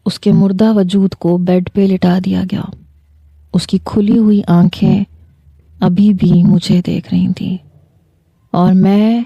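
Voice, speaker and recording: Warm-voiced woman telling a dramatic story. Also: mid-range voice, level tone, creaky, long pauses, breathy edge, no room sound. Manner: emotional, dramatic first-person storytelling. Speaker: storyteller reading her own novels.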